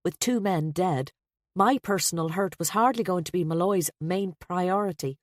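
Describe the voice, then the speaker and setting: Woman audiobook narrator, low voice, wry introspective first-person telling. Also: moderate pace, no room sound, clean studio sound.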